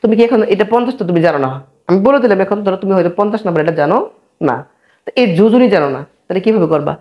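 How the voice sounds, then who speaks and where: Patient tutor. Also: male voice, high-pitched, lively intonation, racing, muffled recording. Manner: patient, repeats terms and asks rhetorical check questions. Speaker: chemistry tutor. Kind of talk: classroom lecture.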